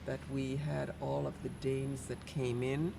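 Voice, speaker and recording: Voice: medium pitch, flat delivery, a little slow. A person casually recalling past events in a hesitant, conversational way. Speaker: event emcee recalling ceremonies. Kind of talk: casual recollection. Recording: clearly noisy background.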